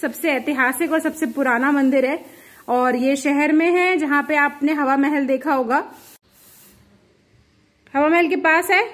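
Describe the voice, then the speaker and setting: A woman's voice: sits high, fairly even intonation, measured pace, pauses often, a bit bright. A young woman from Jaipur chatting casually in her home vlog, playful and teasing. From Jaipur, India. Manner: chatty, playful, laughs and teases. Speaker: vlogger. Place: at home, indoors.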